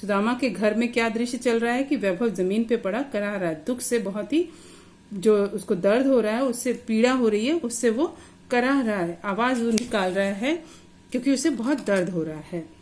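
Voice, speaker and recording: A woman's voice: on the high side, moderate pace, a little mellow, a little hiss or hum. Woman teacher explaining a play aloud. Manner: reads each line, then explains it plainly. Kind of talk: reading and explaining a play to a class.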